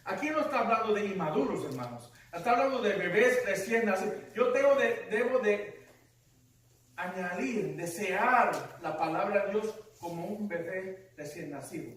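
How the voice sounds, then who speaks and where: A man's voice: high voice, lively intonation, moderate pace, fairly bright tone, slight background noise. A man preaching a sermon as pastor, emphatic and full of rhetorical questions. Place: church sanctuary. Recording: echoey church hall, distant mic.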